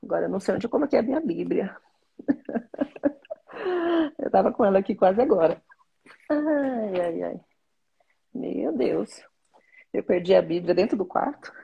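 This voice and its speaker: A pregnant woman in her forties with a Brazilian Portuguese accent, chatting casually in a small bedroom and reading a psalm slowly and earnestly. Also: medium pitch, big pitch swings, creaky, breathy edge, highs cut off. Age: 40s. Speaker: vlogger.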